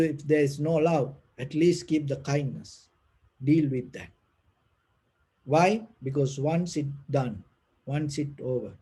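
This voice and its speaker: Male meditation teacher, non-native English, breathy and husky, unhurried delivery with long pauses, gentle Dhamma talk. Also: fairly high pitch, poor audio. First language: not English. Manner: gentle, halting, with frequent pauses and repeated phrases. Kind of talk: unscripted spiritual talk.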